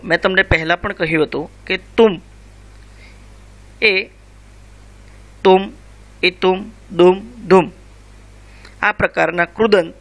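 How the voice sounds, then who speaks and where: A man, teaching a school revision lesson, reciting and explaining slowly and carefully. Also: sits high, gravelly, sharp tone. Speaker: Sanskrit teacher.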